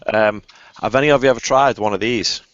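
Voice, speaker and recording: A man's voice: mid-range voice, a little fast, fairly bright tone, no room sound. A man in a casual group chat over a video call, rambling and swearing casually. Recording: dull lo-fi call audio.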